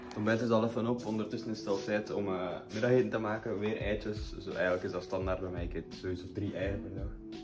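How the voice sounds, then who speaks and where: A young man with a Flemish accent chats casually into his phone held at arm's length for a daily vlog, with music playing underneath. His voice is fairly low and level, and he talks quickly in a relaxed, slangy style, dropping in English words here and there.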